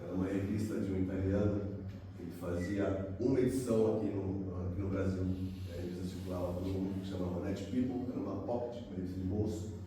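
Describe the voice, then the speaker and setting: A man's voice: low voice, fairly even intonation, quick pace, dark tone, slight background noise. A middle-aged man from São Paulo with a Paulista accent, a guest photographer talking casually and rambling with many fillers, recorded from a distant mic in an echoey room. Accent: Paulista Brazilian Portuguese. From São Paulo, Brazil. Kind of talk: casual talk at a club meeting.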